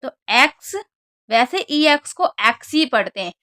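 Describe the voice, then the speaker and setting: A woman with a high voice gives an English pronunciation lesson. She explains each word step by step, asking questions and answering them herself. The sound is dry and close. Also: expressive, a little slow, pushed and bright, no echo. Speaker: English teacher.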